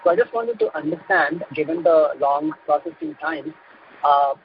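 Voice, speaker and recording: A man phones in to a radio advice show. His voice comes through a muffled phone line and sits a little high. He stops and restarts often, feeling his way through the question. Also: wildly swooping pitch, slight background noise. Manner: hesitant, many filler pauses. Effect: phone call heard on air. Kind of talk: call-in question. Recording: dull phone-line sound.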